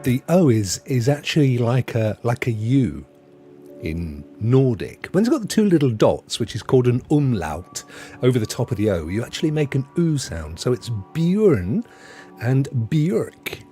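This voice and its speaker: A man's voice: mid-range voice, very animated, moderate pace, warm tone. A British man hosting a casual gaming chat stream, jokey and rambling, often correcting himself, with faint music behind him. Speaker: host.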